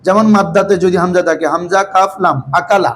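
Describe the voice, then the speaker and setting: A man's voice: sits high, steady tone, quick pace, a bit bright, a little hiss or hum. A man teaching Arabic grammar in a classroom, explaining patiently in colloquial speech and quizzing his students with constant questions. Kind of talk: classroom lecture with call-and-response. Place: classroom with students seated in front.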